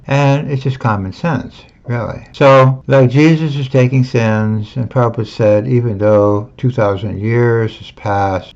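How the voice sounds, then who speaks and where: Gravelly older man, emphatic and wry. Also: lowish voice, darkish tone. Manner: emphatic, repeats points, chuckles wryly. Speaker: former disciple recounting movement history. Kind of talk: personal monologue of recollections. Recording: dull lo-fi recording.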